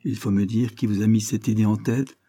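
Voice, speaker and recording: A man reading aloud, voicing a gentle, dignified husband who speaks gravely to his wife. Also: mid-range voice, expressive, fairly quick, voice pushed up. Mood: earnest.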